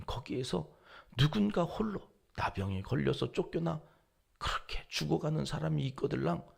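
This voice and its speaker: A male pastor giving an early-morning sermon, dramatic, dropping to hushed whispers and rising to loud emphasis. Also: fairly high pitch, creaky, husky. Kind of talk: dawn service sermon.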